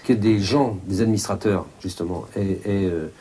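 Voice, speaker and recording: Hesitant man with a dark, husky voice. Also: sits low, moderate pace. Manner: hesitant, searching for words. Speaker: interviewee. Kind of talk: reflective interview.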